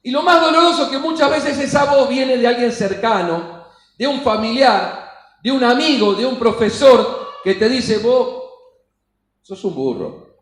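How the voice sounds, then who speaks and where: A pastor with an Argentine Spanish accent preaches a sermon in a church, his very high-pitched voice moving at a moderate pace. He is emphatic and acts out the voices of those he quotes, and the rough recording has a roomy sound.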